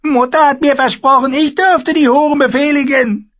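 A man's voice: extremely high pitch, fairly even intonation, normal speed, fairly bright tone, voice pushed up. A man voicing a petulant, whiny teenage boy king in an audiobook. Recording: slightly dull lo-fi recording.

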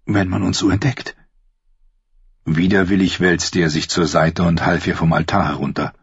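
A man reading an audiobook aloud as narrator, calm and even. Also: low-pitched, husky, no room sound. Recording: dry, dull close recording.

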